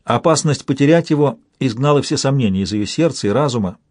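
A man reading a fantasy audiobook in steady scripted narration. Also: medium pitch, fairly quick, no room sound, clean studio sound.

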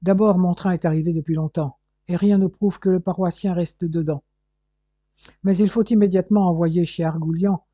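A man reading a gruff, curt police detective who grumbles in a storybook reading. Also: high voice, fairly even intonation, moderate pace, dark tone, dry recording. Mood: urgent. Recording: dull lo-fi recording.

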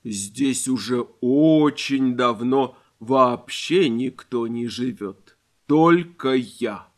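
A man voicing a huge, lonely cat-dragon in an audiobook, speaking slowly and deeply, with a hollow boom as if from inside a barrel. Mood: solemn. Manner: slow, deep, drawn-out speech. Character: huge lone cat-dragon, slow, calm, solemn. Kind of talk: audiobook character voice.

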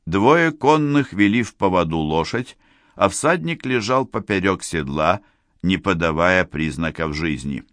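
A man narrating an audiobook in a measured, steady storytelling manner, recorded close to the mic. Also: sits low, no echo.

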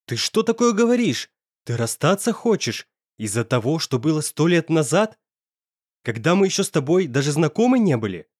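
A man's voice: on the high side, very animated, moderate pace, no echo, studio quality. A man playing a possessive, hot-tempered young man. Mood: stunned. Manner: pressing, emphatic.

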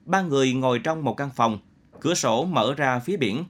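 A man narrating a novel in an expressive, dramatic reading style. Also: mid-range voice, brisk.

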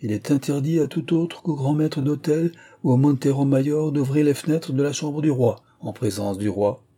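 A man's voice: mid-range voice, moderate pace, dark tone, husky, voice pushed up, close to an everyday voice. A man reading aloud, voicing an old monk who refuses help with cold, formal politeness. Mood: coldly formal. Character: calm, vengeful old male monk.

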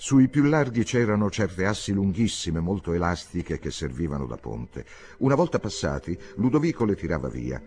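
A man reading a classic novel aloud in an expressive, lively storytelling manner. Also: deep voice, normal speed. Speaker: audiobook reader. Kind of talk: literary reading.

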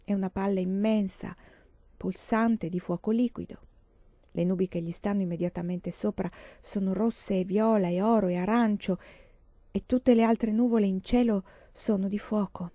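A woman reading the lines of a thoughtful fifteen-year-old girl describing a sunset to her sister, calmly. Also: medium pitch, moderate pace, no room sound, close to an everyday voice. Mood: tender. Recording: dull lo-fi dry recording.

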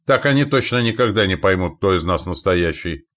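A smug male warrior commander who taunts his rivals, as a man reads him aloud. His voice is lowish and mocking in a storybook reading. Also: lively intonation, fairly quick, fairly bright tone.

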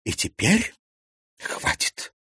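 A man's voice: mid-range voice, animated, fast talker, a little mellow, husky, dry recording, clean studio sound, pitched above the performer's own voice. A man voicing a heartbroken young woman who pleads in a raised, tearful voice.

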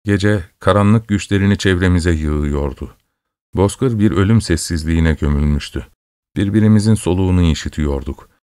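A man reading a story aloud in a measured, steady way. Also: low voice, smooth, no echo, clean studio sound. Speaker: narrator. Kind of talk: scripted story narration.

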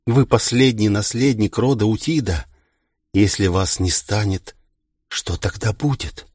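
A man's voice: fairly low pitch, measured pace, darkish tone, husky, no echo, studio quality. A man voicing a strict, scolding middle-aged woman who looks after a young clan heir. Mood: stern. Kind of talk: audiobook character reading.

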